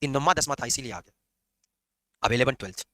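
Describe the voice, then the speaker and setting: A man teaching chemistry in a classroom lecture, lively and teasing his students as he explains. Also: mid-range voice, brisk, dry recording. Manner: lively, scolding and joking with students.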